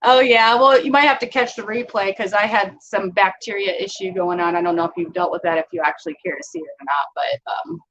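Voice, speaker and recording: A woman's voice: mid-range voice, quick pace, few pauses, a bit bright, a little hiss or hum, poor audio. A woman hosting a casual live stream from home, chatting with viewers, greeting them by name and laughing often.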